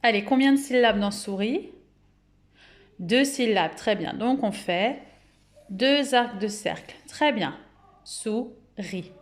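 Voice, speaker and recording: A woman with a French accent giving a phonics lesson to young children at home, speaking patiently and clearly and drawing out each word's syllables. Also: fairly high pitch, lively intonation. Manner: slow, clear, patient, syllables drawn out and repeated. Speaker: kindergarten teacher.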